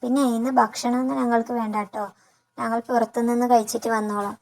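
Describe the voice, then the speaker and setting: A woman's voice: a little high, flat delivery, quick pace, close to an everyday voice, low-quality recording. A woman voicing a domineering older mother-in-law who snaps and barks orders at the family. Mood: scolding. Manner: sharp, barking orders. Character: bossy older mother-in-law, shrill and commanding.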